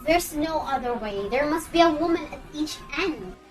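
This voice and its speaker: Woman as a very high-voiced timid daughter. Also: lively intonation, normal speed, far from the mic, faint music behind. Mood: practical. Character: timid, protesting young society daughter. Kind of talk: amateur stage-play acting.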